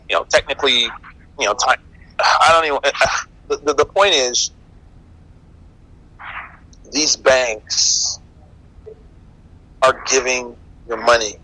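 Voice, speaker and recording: A man's voice: mid-range voice, sharp tone, a little hiss or hum, rough recording. A man with a standard American accent delivering an opinionated, conversational podcast monologue in an emphatic, informal way. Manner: emphatic, informal, asserting with rhetorical questions. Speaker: podcast host.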